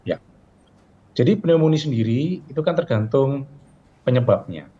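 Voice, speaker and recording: Man explaining, dark and muffled. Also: mid-range voice, expressive, normal speed. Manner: explanatory, with fillers and rhetorical questions. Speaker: health ministry official. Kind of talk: explaining in a broadcast interview. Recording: dull lo-fi sound with faint noise.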